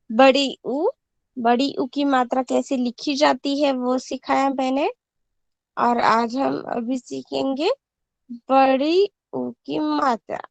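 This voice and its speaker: A woman teaching young children in an online class, stretching out each sound and word slowly. She repeats words clearly for the class to follow. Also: high-pitched, dry recording. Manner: slow, drawn-out pronunciation of sounds and words. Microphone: video call. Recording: dull lo-fi online call audio.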